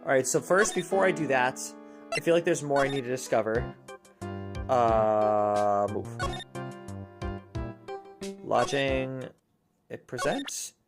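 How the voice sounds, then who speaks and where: A woman's voice: rumbling low, slow, pauses often. A woman giving casual commentary as she plays through a video game. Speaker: game streamer. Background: game music.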